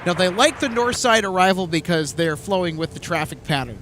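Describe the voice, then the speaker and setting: A man's voice: high voice, fairly quick, fairly bright tone. A man hosting a live stream outdoors, giving casual commentary on aircraft movements. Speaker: livestream host and plane spotter. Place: outdoors near an airport. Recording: outdoor airfield with faint vehicle noise.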